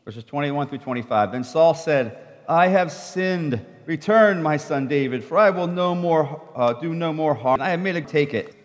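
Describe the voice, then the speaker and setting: A man preaching a sermon. He reads scripture aloud in measured steps and lifts his voice in the quoted speech, pausing so an interpreter can follow. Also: a little high, animated. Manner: measured Bible reading that rises in the quoted speech. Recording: long hall reverb.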